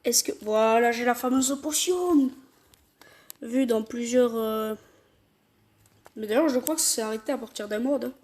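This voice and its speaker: A woman's voice: a little high, moderate pace, pauses often, a little mellow. A woman giving casual, slangy, rambling commentary while playing a video game. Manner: chatty, slangy asides, rambling. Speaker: let's play host.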